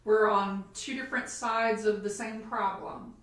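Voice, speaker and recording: A woman who runs tabletop games and hosts a show chats casually at a tea table, laughing often as she tells stories. Her medium-pitched voice is a bit bright, fairly even in intonation, and unhurried. The mic sits far off in a very echoey room.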